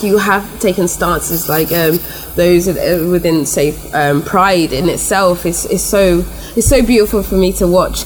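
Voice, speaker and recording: A woman's voice: fairly low pitch, low-quality recording. A woman guest talks in a radio interview, searching for words with frequent ums. Faint noise sits under her voice. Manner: hesitant, full of ums. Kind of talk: interview conversation.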